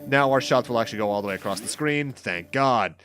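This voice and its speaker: Game music runs beneath this man's medium-pitched, fairly bright voice as he speaks fast. He's the host of a let's play, rambling his way through explanations and adding dry asides.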